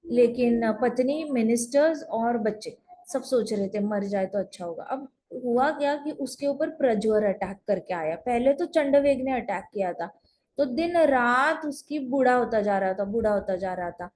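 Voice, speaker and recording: A woman's voice: fairly high pitch, animated, normal speed, darkish tone, a little hiss or hum. A woman teaching at home over an online call, telling a scripture story in a chatty way and repeating phrases for emphasis.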